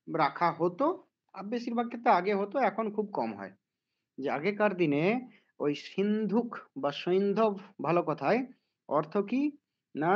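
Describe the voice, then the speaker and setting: A man's voice: sits high, lo-fi sound. A man teaching philosophy in a conversational lecture, checking in with "right?" and acting out small everyday scenes. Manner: conversational, asks "right?" often, acts out little quoted scenes. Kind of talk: explanatory lecture with everyday examples.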